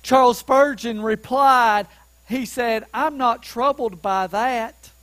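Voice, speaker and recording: A man preaching a sermon as pastor, who asks the listeners questions and rises to emphatic shouts on key points. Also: very high-pitched, takes it slowly, no room sound, poor audio. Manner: asks the congregation questions to keep them following.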